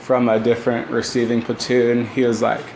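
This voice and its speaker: A man's voice: medium pitch, monotone, moderate pace, darkish tone, slight background noise, poor audio. A man in his twenties telling stories casually in a laid-back, rambling way, recorded on a phone indoors. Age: 20s. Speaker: former military recruit recounting boot camp. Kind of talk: casual rambling storytelling to camera. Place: small living room indoors, seated by a window. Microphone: phone at arm's length.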